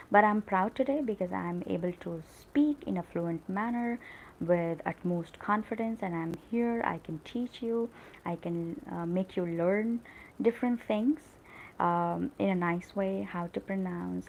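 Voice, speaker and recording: A middle-aged English teacher hosts an earnest, encouraging live-stream motivational talk about learning English, her accent an American-tinged one picked up in call centers. Her low, slightly mellow voice has a gravelly fry, and she often pauses on fillers like "uh" and "you know." The audio is poor, with a faint hiss underneath.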